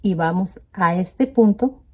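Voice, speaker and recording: A woman's voice: lowish voice, slow. A woman teaching a crochet tutorial step by step, counting stitches aloud and checking in with viewers. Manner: addresses viewers directly with "¿ven?". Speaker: crochet instructor.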